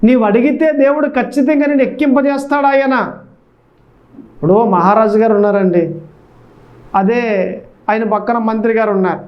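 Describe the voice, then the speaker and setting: A man's voice: sits high, moderate pace, pauses often. A male pastor preaching a sermon who keeps asking the congregation questions and stresses points by repeating them. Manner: questioning the congregation, repetitive emphasis. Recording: dull lo-fi recording.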